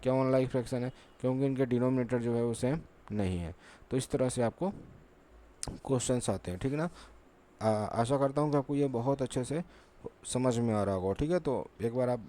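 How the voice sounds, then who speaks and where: At a board, a man teaches maths briskly in a dark, mid-range voice. He stays patient and repetitive, leaning on "ठीक है" and answering his own rhetorical questions.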